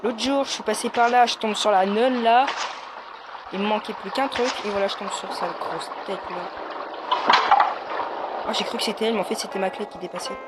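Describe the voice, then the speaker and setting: A gaming YouTuber doing let's play commentary on a horror game, this man sounds jittery and scared, yelping and muttering to himself. His high-pitched voice is fairly even in intonation, brisk and full of pauses, over loud background noise and hiss.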